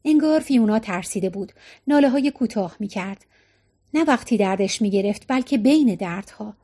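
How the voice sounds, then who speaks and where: A woman narrating a novel in a steady storytelling manner. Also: medium pitch. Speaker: audiobook narrator.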